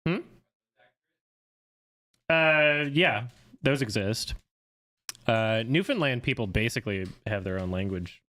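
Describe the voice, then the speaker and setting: Male, 30s, from Canada, film critic on a live stream, sarcastic and jokey, mid-pitched voice. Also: animated, sharp tone. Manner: sarcastic, quick to joke. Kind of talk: casual live-stream chat.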